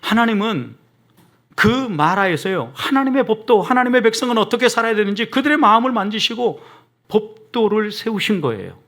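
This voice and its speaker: A middle-aged man preaching a sermon as pastor, often calling out to the congregation, moving between soft asides and emphatic rises. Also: high voice, expressive, moderate pace.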